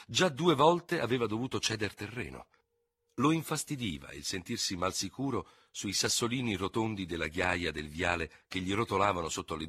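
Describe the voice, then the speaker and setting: A man narrating a novel in a dramatic, expressive reading style. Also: on the low side, husky, no echo, clean studio sound. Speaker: audiobook reader.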